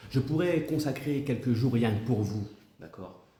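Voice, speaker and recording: A man's voice: medium pitch, lively intonation, normal speed, dark tone, echoey room, natural voice. A man playing a stern, pompous president in a comic sketch, insinuating and mock-diplomatic as he scolds and threatens. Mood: menacing.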